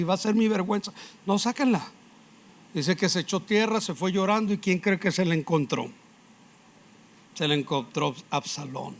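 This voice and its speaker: A male pastor preaches with lively, animated delivery. His pitch runs slightly high for a man, and he swings between loud emphasis and quieter asides, often checking in with his congregation. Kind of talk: sermon.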